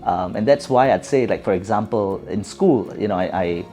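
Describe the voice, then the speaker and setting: Low-voiced Singaporean man with soft music. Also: moderate pace. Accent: Singaporean English. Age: middle-aged. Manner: thoughtful, many fillers and restarts. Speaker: guest. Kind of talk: relaxed interview answers.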